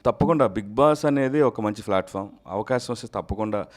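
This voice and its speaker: A soft-spoken man with a lowish voice, guest on an interview. He answers in a measured, polite way. He sounds like he is in a studio. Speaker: mimicry artist guest. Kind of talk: casual interview chat. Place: recording studio.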